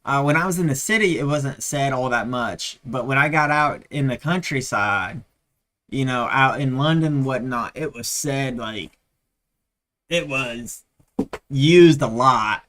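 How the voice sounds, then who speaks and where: A man's voice: medium pitch, measured pace, a bit bright. Rambling, chatty man from Texas. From Texas, USA. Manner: rambling, chatty, side comments between anecdotes. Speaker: livestream host. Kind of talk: casual live-stream chat.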